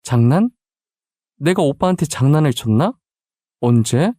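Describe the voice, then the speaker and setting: A man's voice: fairly high pitch, expressive, a little slow, mellow, dry recording, studio quality. A man voicing a playful, forgetful young woman about to be married, who talks casually and teasingly. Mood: casual, breezy. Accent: Busan dialect in some lines.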